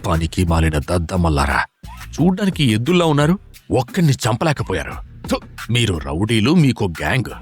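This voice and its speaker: A man's voice: lowish voice, big pitch swings, moderate pace, long pauses, a bit bright, slightly rough, soft background music, exaggerated voice. A man voicing an arrogant, sneering rival. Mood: disgusted. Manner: contemptuous, arrogant. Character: arrogant spiteful young male rival.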